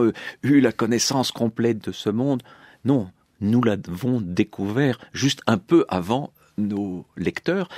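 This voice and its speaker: A man, a comics writer answering in an interview, telling the story of his work calmly and fluently. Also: on the low side, dry recording.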